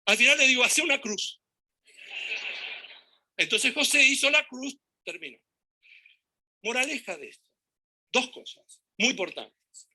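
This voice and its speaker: Bright, high-voiced Rioplatense man. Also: moderate pace, pauses often, husky. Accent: Rioplatense Spanish. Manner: animated, acts out dialogue and gestures while telling anecdotes. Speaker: speaker giving a talk. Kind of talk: storytelling talk to an audience.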